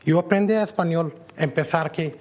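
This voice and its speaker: A man's voice: fairly high pitch, a little fast, a little mellow. A man from Afghanistan, giving earnest, upbeat remarks to a commission at a podium microphone in a public meeting chamber. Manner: earnest and upbeat, with self-corrections and translated asides. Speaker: parent program graduate addressing a commission. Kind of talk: public remarks in mixed Spanish and English.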